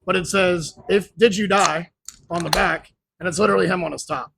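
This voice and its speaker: A man's voice: high voice, fairly even intonation, a little fast, gravelly, noisy background. A man telling long, rambling stories in a laid-back, casual way as a podcast guest. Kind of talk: casual storytelling.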